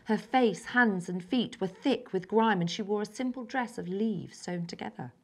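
A woman's voice: medium pitch, normal speed, a little mellow, slightly rough. Young girl reading her own story. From England. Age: child, about 10.

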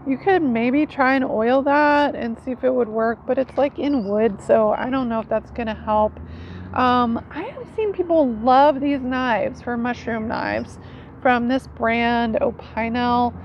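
A foraging teacher in her forties, her voice on the high side and her pace a little slow, presents knives to camera while standing under a tree in a leafy yard. She's informal, like a teacher demonstrating gear, and regularly looks for agreement with "right." Outdoor ambient noise runs under a dull-sounding recording.

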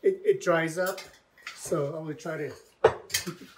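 An older man from the Navajo Nation, working as a chef in a cooking demonstration in a home kitchen, speaking in relaxed, halting bits. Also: fairly high pitch, slight background noise. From Navajo Nation, Arizona.

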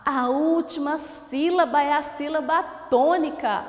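A Brazilian woman teacher giving a recorded lesson to children, slowly sounding out words syllable by syllable and asking encouraging questions. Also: sits high. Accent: Brazilian Portuguese. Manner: slow, drawn-out syllable-by-syllable word pronunciation; encouraging, asks questions and praises. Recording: echoey room with long reverb.

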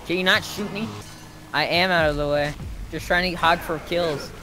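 A man's voice: a little high, fairly even intonation, normal speed, music in the background. A young man chatting casually as he plays a co-op game. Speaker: co-op game player. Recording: loud game noise behind voice. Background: video game ambience.

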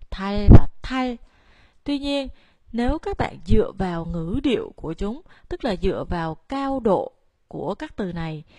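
A woman whose first language is Vietnamese teaches Korean intonation in a calm, patient lesson. Her voice sits at a middle pitch. The sound is dry and close, with no room echo. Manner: explains patiently, then reads Korean example words slowly.

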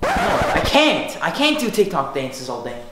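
A man's voice: a little high, wildly swooping pitch, moderate pace, roomy sound, over loud music. A young man hosting a vlog, chatting casually indoors at home. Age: teens to young adult. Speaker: vlog host. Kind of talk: casual chat.

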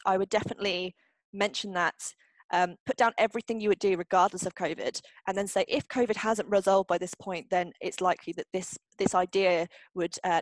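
A woman's voice: medium pitch, no room sound, low-quality recording. A young woman hosting a publishing workshop, reading out questions and answering them in a chatty way, with frequent ums and restarts. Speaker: publishing marketing workshop host.

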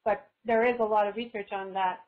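A woman's voice: medium pitch, steady tone, a little fast. Woman author on a video call. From Canada. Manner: thoughtful, restarts phrases while thinking. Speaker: guest author. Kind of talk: casual webinar conversation. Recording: slightly dull lo-fi video call audio.

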